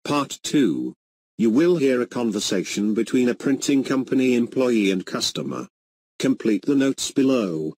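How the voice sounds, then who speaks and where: A man reading scripted exam instructions in a formal, measured announcer's manner. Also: mid-range voice, expressive, a little mellow.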